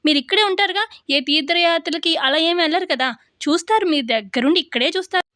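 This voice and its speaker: A woman's voice: very high voice, quick pace, sharp tone, dry recording, clean studio sound, voice pushed up. A woman voicing a defiant young daughter-in-law who taunts her mother-in-law. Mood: defiant taunting. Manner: taunting, challenging.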